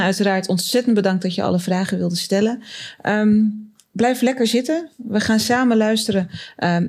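Woman host introducing a guest on stage. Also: medium pitch. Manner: formal, warm thanks and introductions. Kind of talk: stage presenting.

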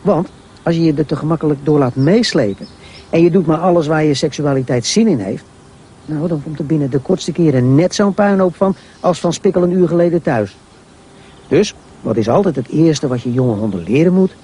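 A man voicing a calm, patient middle-aged father who explains things to his son. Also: a little high, fairly quick, breathy edge. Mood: explaining.

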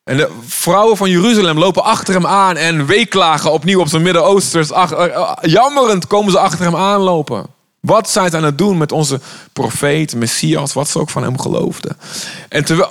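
A man's voice: on the high side, creaky. A man from the Netherlands preaching an urgent, impassioned sermon, sometimes voicing the words of Jesus.

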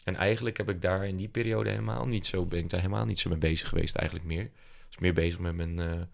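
Low gravelly-voiced man, halting. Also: fairly even intonation. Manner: hesitant, many fillers and restarts. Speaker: entrepreneur guest. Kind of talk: casual interview talk.

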